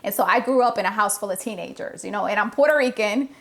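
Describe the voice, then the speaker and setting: A woman's voice: medium pitch, fast, vocal fry, fairly bright tone. A woman, openly and earnestly telling her life story as a podcast guest. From Providence, Rhode Island. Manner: open, earnest, reflective. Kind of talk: casual personal storytelling.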